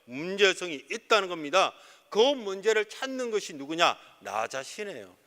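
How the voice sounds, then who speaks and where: A middle-aged male pastor preaches with a bright, forceful voice that sits a little high. His delivery swings widely in pitch as he fires off rhetorical questions and answers them himself. The sound carries a long reverb from the church hall. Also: very animated, moderate pace. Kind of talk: sermon. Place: church sanctuary.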